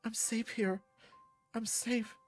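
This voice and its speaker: Woman doing a hurt young male fighter, quiet, hesitant, faint music behind. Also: a little high, steady tone, takes it slowly. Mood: tearful. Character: guarded young man, fighter, tearful.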